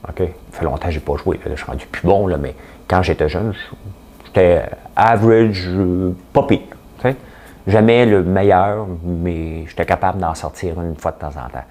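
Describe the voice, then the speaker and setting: A man with a Quebec French accent, hosting a casual morning talk to camera, rambling and animated as he tells stories. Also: deep voice, normal speed. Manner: chatty, rambling, animated storytelling. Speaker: host. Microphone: studio camera setup.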